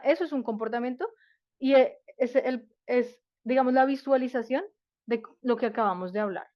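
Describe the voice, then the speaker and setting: A woman's voice: on the high side, no room sound. A woman presenting a live parenting workshop, explaining step by step and often checking in with rhetorical questions. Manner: explanatory, asks rhetorical questions, many fillers. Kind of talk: live online workshop talk. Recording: dull dry lo-fi sound.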